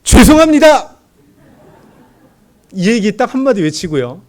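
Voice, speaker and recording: A man's voice: a little high, a little slow. A young man, a junior pastor, preaching in a church and telling his own story, acting out the dialogue as he goes. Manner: animated storyteller who acts out dialogue. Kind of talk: sermon with personal testimony.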